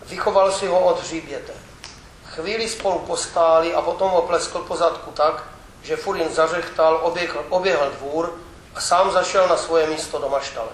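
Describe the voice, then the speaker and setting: A man reading a memoir aloud with steady, wry storytelling. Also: a little high. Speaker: reader. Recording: echoey room with faint background noise.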